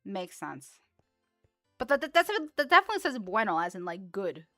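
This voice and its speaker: A woman's voice: mid-range voice, big pitch swings, normal speed, pushed and bright, no echo, soft background music. A young woman streamer chatting casually while playing a game, rambling with frequent restarts and laughs. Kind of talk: casual livestream chat while gaming.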